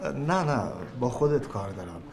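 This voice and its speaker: A patient, probing cleric. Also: male voice, medium pitch, sing-song, a crowd in the background. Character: earnest male cleric bringing a message.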